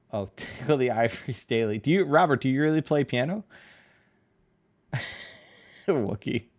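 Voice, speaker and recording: Here a man with a fairly low voice and noticeable vocal fry streams his drawing live. He keeps the chat casual, rambling comfortably as he responds to viewers' questions.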